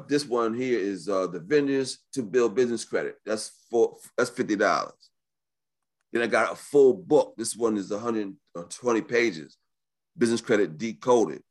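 A man giving a casual, slangy live webinar sales pitch in the manner of a home shopping host, pushing deals and often checking in with the listener. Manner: informal and slangy, often checking in with right and okay. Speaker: business credit coach hosting a sales webinar.

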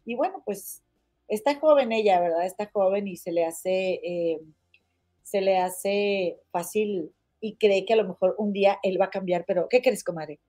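A woman's voice: mid-range voice, moderate pace, mellow, soft background music. A woman with a Mexican accent hosting a casual livestream, gossiping bluntly and calling her viewers comadres as she reads their comments. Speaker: livestream host.

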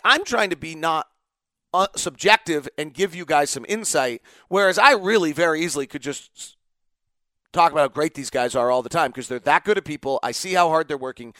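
A man's voice: on the high side, fairly bright tone, no echo. A middle-aged man hosting a solo sports podcast, talking in an earnest, rambling way with many fillers and restarts. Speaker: podcast host and team radio voice. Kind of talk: casual solo podcast talk.

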